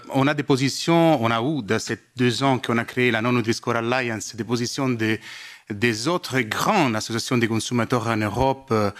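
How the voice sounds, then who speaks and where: Halting Italian-accented man at a seminar. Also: mid-range voice, fairly bright tone. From Italy. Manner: halting, searching for words, non-native phrasing. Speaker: lobbyist asking a question from the audience. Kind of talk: spontaneous public question at a seminar.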